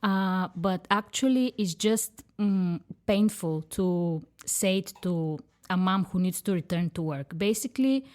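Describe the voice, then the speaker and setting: Woman from Bulgaria, thirties, podcast guest, casual talk, unhurried, lots of ums. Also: on the low side, a little mellow. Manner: thoughtful, hesitant with many fillers. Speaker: podcast guest, career counsellor. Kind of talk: casual conversation.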